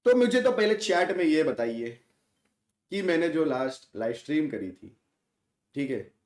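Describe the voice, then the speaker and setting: A man's voice: a little high, big pitch swings, measured pace. A young man with an Indian accent chatting casually with his livestream viewers, talking straight to the chat and dropping English words in. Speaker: gaming livestreamer. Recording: roomy echo.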